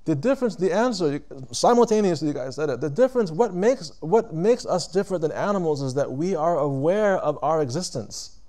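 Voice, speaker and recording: A man's voice: on the high side, lively intonation, dark tone. Man giving a conversational religious lecture. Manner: conversational, poses questions to listeners; deliberate, stops to rephrase. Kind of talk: reflective Islamic lecture to a live audience. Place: lecture room with audience.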